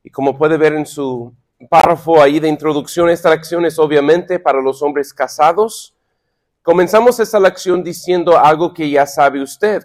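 A middle-aged man leading a sermon-style Bible lesson for married men, halting with fillers and repeated words, and playfully acting out little quips. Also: fairly high pitch, darkish tone. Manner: playful, acts out quips for laughs. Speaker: pastor leading a men's Bible study.

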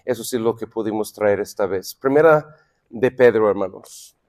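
A middle-aged man leading a sermon-style Bible lesson for married men, halting with fillers and repeated words, and playfully acting out little quips. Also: fairly low pitch, darkish tone. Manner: playful, acts out quips for laughs. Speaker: pastor leading a men's Bible study.

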